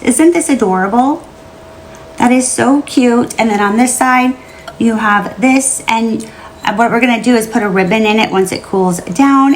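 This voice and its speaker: A woman giving a casual hands-on tutorial as host, with gushing, drawn-out delight in her delivery. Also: mid-range voice, a little hiss or hum, poor audio.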